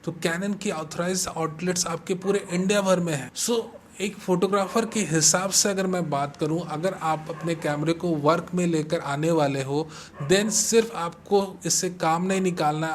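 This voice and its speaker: A man with a fairly high voice walks through a camera comparison. He explains each spec in turn in a tech-review manner and mixes Hindi with English. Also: a little hiss or hum. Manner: explains step by step, comparing specs.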